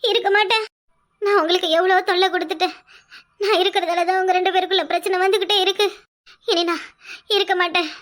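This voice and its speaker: A woman voicing a faint, tearful young village wife in a cartoon, pleading in halting phrases with a Kanyakumari Tamil accent. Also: very high-pitched, fairly even intonation, fairly bright tone.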